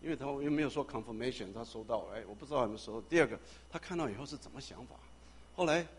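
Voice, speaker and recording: A man's voice: mid-range voice, very fast, husky. A man who is a pastor, telling a personal testimony in a sermon, acting out the dialogue and sometimes stammering or repeating words. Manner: animated storyteller who acts out dialogue.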